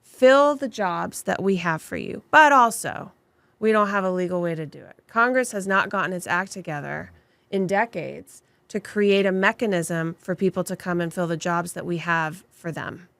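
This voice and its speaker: Her voice fairly low, creaky, and a bit bright, a woman immigration attorney who owns her own law firm speaks at a normal pace on a dry recording. She responds to interview questions passionately and emphatically, stacking up points in long lists.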